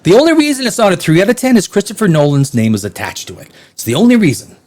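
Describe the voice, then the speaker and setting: A man's voice: high-pitched, huge pitch swings, quick pace, a little mellow. A man hosting a blunt, sarcastic movie review, laughing often as he rants. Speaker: film critic host.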